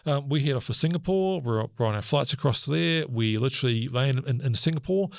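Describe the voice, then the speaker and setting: A middle-aged man, recounting events as an interview guest in a halting way, full of restarts and fillers. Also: medium pitch, animated, creaky, dry recording.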